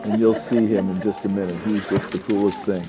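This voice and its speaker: A man's voice: fairly low pitch, level tone, fairly quick, poor audio. A man narrating a travelogue as its host, in a casual, enthusiastic way full of superlatives. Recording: music behind the voice.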